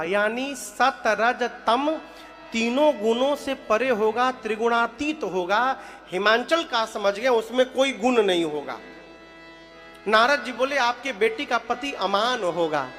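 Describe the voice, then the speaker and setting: A man's voice: extremely high pitch, pushed and bright. A man preaching a devotional story sermon, telling stories, quizzing his listeners and singing short verse lines. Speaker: katha preacher.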